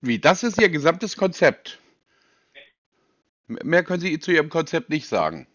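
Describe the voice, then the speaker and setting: A man's voice: on the high side, big pitch swings, normal speed, fairly bright tone, no echo. A man with a native German accent, questioning bluntly and pedantically as a customer on a phone call. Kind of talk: probing phone conversation. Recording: dull, lo-fi phone audio.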